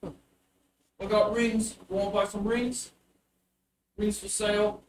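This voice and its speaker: A man voicing a small bugbear child in a tabletop game, a pushy street hustler with slangy, wheedling patter and a little yet slightly deep voice. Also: flat delivery, slow. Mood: hawking. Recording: roomy, distant mic with faint noise.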